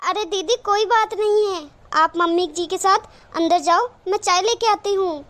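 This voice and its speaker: A woman doing a soft-spoken sad sister-in-law. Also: extremely high pitch, measured pace. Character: sad young sister-in-law, quiet and polite. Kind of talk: cartoon voice acting.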